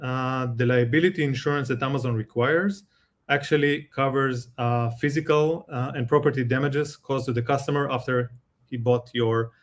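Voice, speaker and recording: A man with an Israeli accent, a guest expert in a live Q&A, explaining calmly with examples and halting rephrasing. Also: mid-range voice.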